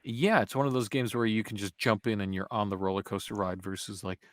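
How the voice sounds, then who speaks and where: Man, low voice, dry close sound, casual podcast chat, animated storyteller. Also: brisk, no room sound. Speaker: guest voice actor.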